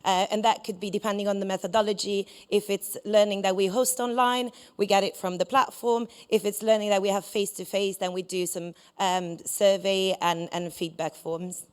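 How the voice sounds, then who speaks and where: A woman's voice: mid-range voice, steady tone, moderate pace, hardly any pauses, smooth. A woman explains her work in answer to a question at a conference in a large hall. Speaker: conference presenter.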